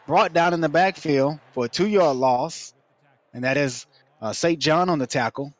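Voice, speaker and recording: A man's voice: on the high side, unhurried. A man doing play-by-play sports commentary through a mic that makes his voice sound robotic and metallic. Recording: robotic mic with faint background noise.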